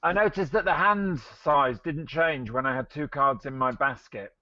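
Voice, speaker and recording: A man's voice: fairly high pitch, moderate pace, muffled recording. A man in a casual board game session, carefully checking rules and details. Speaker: game tester.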